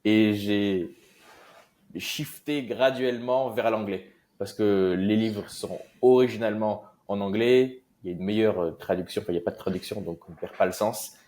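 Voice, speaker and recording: A young man from Marseille talks through his story as an interview guest. His voice sits low, and he speaks loosely, pausing on fillers and restarting his sentences. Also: mellow. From Marseille, France. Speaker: guest investor. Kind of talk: casual interview talk.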